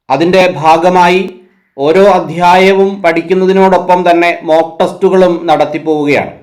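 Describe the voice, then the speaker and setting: A man, teaching a Bible quiz as host, reading out numbered questions and then giving each answer in a lower, quieter voice.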